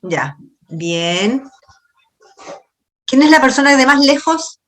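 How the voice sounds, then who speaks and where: A middle-aged woman with a Chilean accent giving a university class over a video call, chatty and questioning her students, explaining in a halting way. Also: sits high, expressive, a bit bright, slight background noise. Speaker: university lecturer. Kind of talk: online class lecture.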